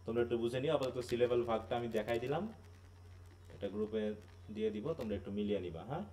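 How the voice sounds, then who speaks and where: Teacher explaining with frequent check-ins. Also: male voice, medium pitch, fast talker, dark tone, recorded from a distance. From Bangladesh. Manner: explanatory, often checks understanding with tag questions; mixes in English terms and phrases. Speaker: English literature teacher. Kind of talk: live online class lecture.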